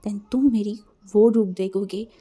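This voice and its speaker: A woman voicing an enraged, protective sibling who shouts threats in a storybook reading. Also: medium pitch, steady tone, measured pace, soft background music, lightly acted. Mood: furious.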